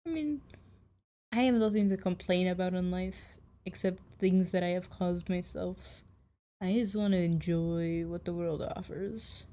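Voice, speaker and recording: A woman streamer chatting casually with her live chat, relaxed and rambling, swearing now and then. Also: lowish voice, unhurried. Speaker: streamer and Live2D artist.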